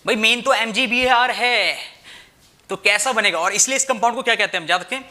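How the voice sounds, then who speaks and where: Here a young chemistry teacher speaks fairly quickly in a high, pushed, bright voice, working through material at a whiteboard in a Hindi-English mix. Rhetorical questions come one after another, along with frequent "theek hai" checks and "bhai" for the students.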